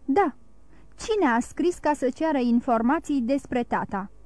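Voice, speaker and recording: A woman's voice: sits high, expressive, darkish tone, no room sound. A woman reading the part of a proud young nobleman who speaks coldly and accuses. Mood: demanding. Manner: cold, challenging, accusing.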